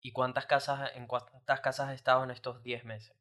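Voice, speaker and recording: A man's voice: medium pitch, fairly quick. Venezuelan man, slangy podcast banter. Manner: relaxed slangy banter, frequent filler "marico". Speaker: podcast host. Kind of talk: casual podcast interview.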